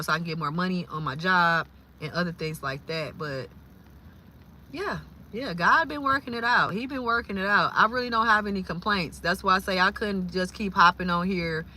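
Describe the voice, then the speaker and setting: A woman, talking casually about faith on a livestream, lively and quick to exclaim. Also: fairly low pitch, slight background noise. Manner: lively, exclaims and laughs often. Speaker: live streamer.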